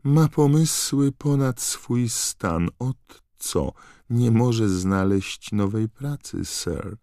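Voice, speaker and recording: A man voicing a timid, servile female house-elf in an audiobook, with a high, trembling squeak and constant deference. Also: drawn-out words, mellow, dry recording, clean studio sound. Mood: fretful, disapproving. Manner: servile, calls everyone sir. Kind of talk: audiobook character voice.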